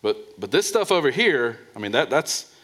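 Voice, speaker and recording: A man preaching a sermon as a pastor, pressing points and dropping to a soft low voice on key words, often repeating words as he restarts. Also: big pitch swings, moderate pace.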